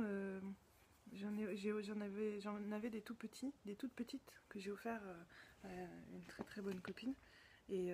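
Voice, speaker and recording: A French woman hosting a knitting podcast, chatting casually as she unboxes gifts, full of delighted little exclamations and often dropping to a soft near-whisper. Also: medium pitch, low-quality recording. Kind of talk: casual unboxing chat to camera. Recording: noticeable background noise.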